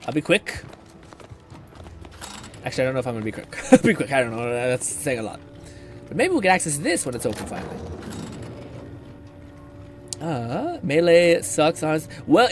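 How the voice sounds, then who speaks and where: Guy streaming a game, highish voice that jumps around a lot, casual and sweary, thinking out loud. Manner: informal, sweary, thinking aloud, reacting. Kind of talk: casual live game commentary.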